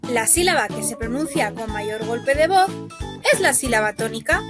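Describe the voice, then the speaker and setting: This is scripted educational narration from a children's grammar video, voiced by a woman with a Spain Spanish accent. Her voice is a little high and expressive, she slowly stretches out each example word, and loud kids' music runs underneath.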